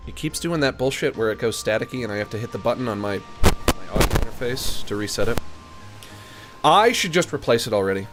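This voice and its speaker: A man streaming and chatting casually, jokey and self-mocking, through a condenser mic with harsh hissy sibilance. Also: mid-range voice. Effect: harsh hissy sibilance from a bright condenser mic. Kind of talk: casual chat to a live audience. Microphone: studio condenser mic.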